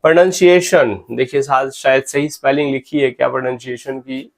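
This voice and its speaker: A man teaching English spelling, slowly spelling out words letter by letter and checking in with his students. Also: medium pitch, fairly even intonation, creaky. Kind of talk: spelling lecture in Hindi mixed with English.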